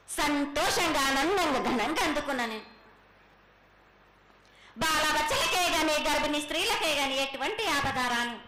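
A woman speaks as an oracle in a prophetic trance, with a high, forceful voice. She addresses devotees as her children in the first person of a goddess. The space is echoey, with some faint noise. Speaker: oracle delivering prophecy at a temple festival. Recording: echoey live ceremony, faint background noise.

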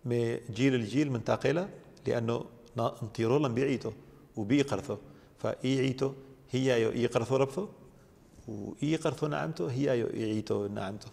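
Fast, gravelly-voiced priest teaching. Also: male voice, mid-range voice, darkish tone, in a large hall. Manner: explains steadily at length. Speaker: priest guest. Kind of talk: religious teaching on a TV program.

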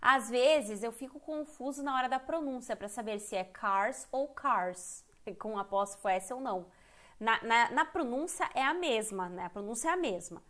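With an animated, slightly bright voice on the high side, a Brazilian English teacher with a Brazilian Portuguese accent talks at a moderate pace during a live online lesson. She is candid and chatty and keeps interrupting and restarting her sentences. The sound comes through a computer mic on a live stream.

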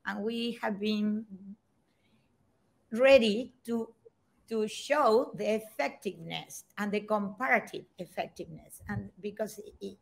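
A woman's voice: mid-range voice, vocal fry. A woman speaking as the mentor and author of a research paper, earnest and apologetic, often restarting her sentences. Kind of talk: panel discussion.

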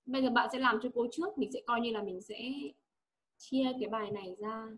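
A woman English teacher with a Vietnamese accent speaks slightly high and a little fast, in a fairly bright tone. She coaches a pupil one-on-one, patiently repeating words for her to echo back.

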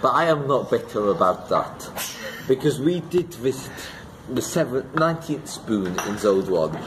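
A very animated man of medium pitch, speaking at normal speed, hosts a casual vlog crawling busy London pubs and streets. Tipsy after hours of drinking, he rambles, cracks jokes, and rates each pub over loud crowd noise.

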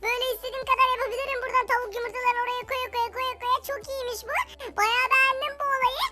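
A gameplay commentator with a pitched-up, childlike voice, excitably repeating words and shouting at the game. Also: very fast, very noisy. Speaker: Minecraft YouTuber. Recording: loud music behind the voice.

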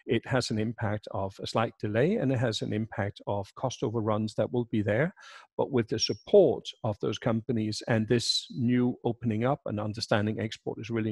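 A man in his sixties, a pavilion director, answering interview questions over a video call on a headset mic, measured with many fillers and restarts. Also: fairly low pitch, darkish tone, slightly rough, no room sound.

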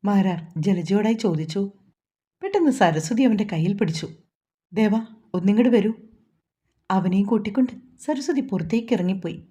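A woman with a Malayalam accent reading a romantic novel aloud as narrator, voicing every character in a fairly even tone. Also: medium pitch. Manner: reads all characters' dialogue in a mostly even voice. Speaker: story narrator.

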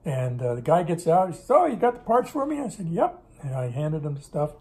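A fairly high, sing-song voice with a dark tone comes from an older man speaking a little fast. He rambles through stories of business in Russia in a casual kitchen-table interview at home, correcting himself along the way, with a camera on the table in front recording.

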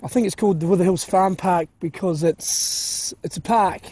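A young man talking to his phone on a hill walk, joking in a deadpan way as he walks. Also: sits high, normal speed. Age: young adult. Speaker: vlogger. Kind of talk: casual walking vlog. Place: outdoors on a hill walk in a park. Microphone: phone at arm's length.

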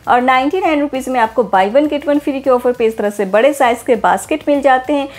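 A woman's voice: high voice, brisk, darkish tone. A woman vlogging a walk through a store, upbeat, repeating prices and offers, recorded on a handheld phone indoors. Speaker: shopping vlogger.

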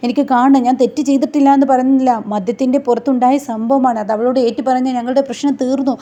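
A woman's voice: high voice, steady tone, quick pace, lightly acted. Woman voicing a desperate remorseful husband. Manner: shouting, pleading.

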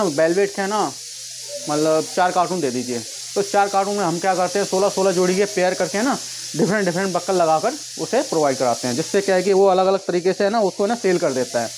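In his 30s, with a slightly high voice, a shoe-selling vlogger gives an informal product pitch to camera, repeating filler phrases and addressing viewers as friends. The clip-on lapel mic picks up noticeable background noise and clicks in his tiled home room stacked with stock boxes.

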